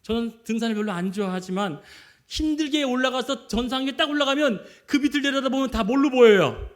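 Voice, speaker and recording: A man's voice: extremely high pitch, brisk. A man preaching a sermon in a church. He talks with emphasis and keeps asking the congregation questions. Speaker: pastor. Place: church sanctuary.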